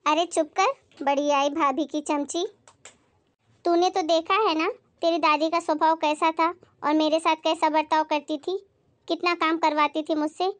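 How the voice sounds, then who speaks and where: A woman's voice: sits high, little pitch movement, normal speed, no echo, natural voice. A woman playing a nagging, scolding mother-in-law. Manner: complaining, sharp-tongued, self-righteous. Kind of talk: comedy skit acting.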